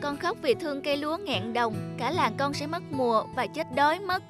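A woman voices a dutiful young village girl in a children's cartoon, speaking high-pitched and polite at a moderate pace. The performance is expressive, earnest, and a little anxious, with bright kids' music behind her.

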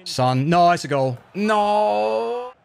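A man giving live commentary on his own football video game match, excitable, jumping from low groans to loud yelps. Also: extremely slow, vocal fry. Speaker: gaming YouTuber.

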